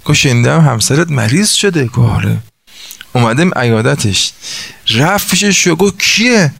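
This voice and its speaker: A man's voice: mid-range voice, lively intonation, creaky, breathy edge, no room sound. A man preaching a sermon, telling religious stories and acting out the voices of the people in them, asking his listeners questions as he works through sums. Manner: acts out voices in the stories he tells.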